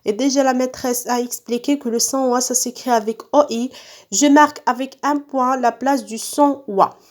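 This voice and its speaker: A woman's voice: high-pitched, steady tone, moderate pace. A woman teaching young pupils in a recorded lesson, stretching out and repeating each word so children can follow. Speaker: primary school teacher. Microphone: phone.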